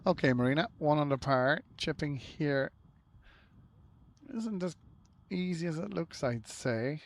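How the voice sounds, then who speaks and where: A man's voice: on the high side, a little slow. Irish man giving conversational golf commentary. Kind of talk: live golf commentary, conversational and low-key.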